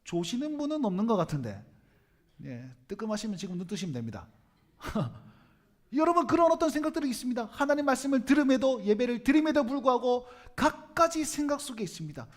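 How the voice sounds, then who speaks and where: Pastor, male, middle-aged, Gyeongsang accent; humorous sermon delivery with a pitch that climbs and dips a lot. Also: sing-song, a little fast. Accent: Gyeongsang Korean. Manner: humorous, asks the congregation questions, acts out quoted speech.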